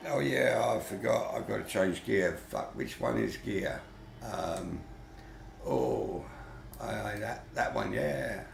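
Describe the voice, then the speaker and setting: A man's voice: lowish voice, expressive, slow pace, creaky, reverberant, a little hiss or hum. A man giving casual running commentary while gaming, chatty and grumbling, with mild swearing. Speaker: vlogger.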